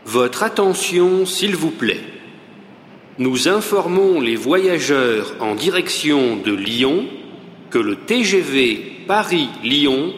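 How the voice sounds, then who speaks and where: Formal station announcer over the loudspeaker, slow, echoing through a big hall with faint noise. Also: male voice, fairly high pitch, lively intonation. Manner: slow, formal, measured delivery. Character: male railway station announcer, formal and calm. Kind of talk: scripted public announcement. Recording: echoey hall, long reverb, faint noise.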